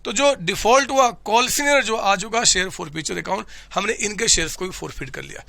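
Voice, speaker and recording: A male commerce teacher giving a classroom lecture, loud and energetic with a sore throat, often shouting and constantly quizzing his students. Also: high-pitched, a little fast, vocal fry, dry recording. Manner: keeps asking students questions.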